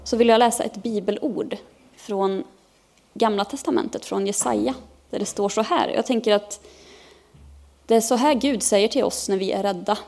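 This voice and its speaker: A woman preaching during a church service reads a children's Bible story aloud. She tells it expressively, with a voice of ordinary pitch for a woman. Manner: expressive storytelling, lifting her voice for characters' cries. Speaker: pastor.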